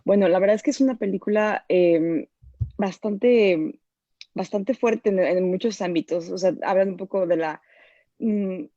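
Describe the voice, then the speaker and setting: A woman's voice: mid-range voice, a little slow, warm tone, no room sound. A Mexican woman speaking as a guest in an online panel discussion, hesitant with many fillers. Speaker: guest, journalist. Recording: dull, dry sound.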